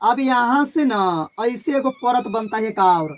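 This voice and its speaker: With a very high voice and a Bihari Hindi accent, a male teacher lectures his class on physics in an animated way at a measured pace. Key terms get repeated, and he asks students to echo them back.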